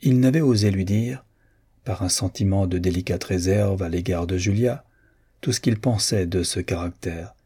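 A man narrating a classic novel in a steady, even storytelling voice. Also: deep voice, moderate pace, husky. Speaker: audiobook narrator.

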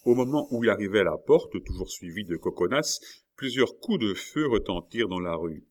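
A man narrating a novel as an audiobook reader, in a steady, measured way. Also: on the low side.

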